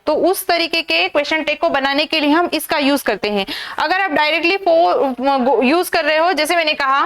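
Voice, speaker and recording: Indian woman teacher, very high voice, drills exam grammar with repeated questions. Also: a bit bright. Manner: repetitive drilling with rhetorical questions. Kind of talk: exam-prep grammar lesson.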